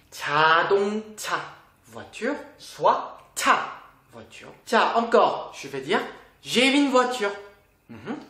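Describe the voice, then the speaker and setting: A language teacher talks through a lesson at an unhurried pace. The voice rises and falls a lot, with a patient habit of quizzing the listener. A roomy echo hangs on the recording. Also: mid-range voice, a bit bright. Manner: patient, asks the viewer questions. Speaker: Korean teacher.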